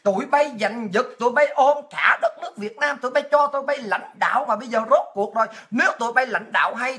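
A woman from Vietnam, delivering a ranting, mocking monologue as a political commentator, often shouting. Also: on the high side. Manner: shouting, mocking, with crude insults and laughs.

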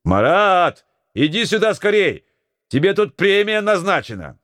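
A man voicing an excitable, red-haired young sailor who jokes and shouts at his comrades. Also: normal speed, no echo, studio quality, close to an everyday voice. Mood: excited. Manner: shouting, teasing, high-pitched.

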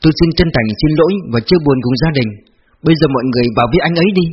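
A man's voice: fairly high pitch, rapid-fire, highs cut off, background noise, close to an everyday voice. A man voicing a solemn male surgeon in an audiobook, apologizing to a family. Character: solemn male surgeon delivering bad news.

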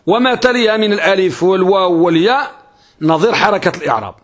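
A man teaches a grammar class in a fairly high voice. He explains step by step, often asking a question and then answering it himself. He repeats key phrases for emphasis. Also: animated, quick pace. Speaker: Islamic scholar teaching Arabic grammar. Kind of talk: classroom lecture.

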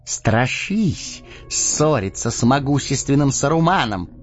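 A man voicing a cunning, persuasive old male wizard who speaks in a slow, coaxing, ingratiating way. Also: mid-range voice, big pitch swings. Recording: dull lo-fi audiobook with faint music.

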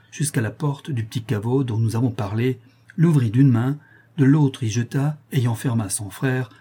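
A man narrating a classic novel as an audiobook in a steady, expressive reading. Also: mid-range voice, husky.

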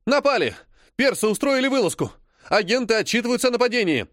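An urgent male army adjutant rattles off a formal report in a raised, quick voice, as a man acts him out. The delivery is close and dry. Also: high voice, fairly bright tone, dry recording, pitched above the performer's own voice. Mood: alarmed. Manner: rapid, formal military report.

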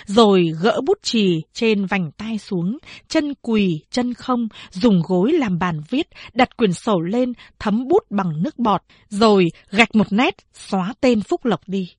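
A woman narrating a novel as an audiobook, slow and measured. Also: medium pitch, expressive, husky, dry recording.

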